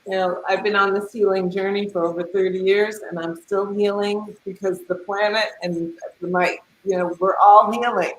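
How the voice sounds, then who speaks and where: A woman's voice: mid-range voice, steady tone, moderate pace, hardly any pauses. Woman, glitchy cutting-out call audio, roomy echo, faint background hiss, reflective yoga teacher. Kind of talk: interview over video call. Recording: echoey room with faint noise.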